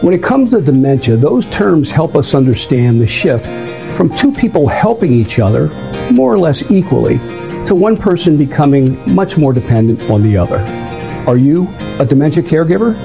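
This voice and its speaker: A man's voice: fairly high pitch, big pitch swings, normal speed, vocal fry. An American man reading a scripted public service announcement as a charity spokesman, in a dull recording over guitar music. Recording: dull band-limited sound. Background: plucked guitar music.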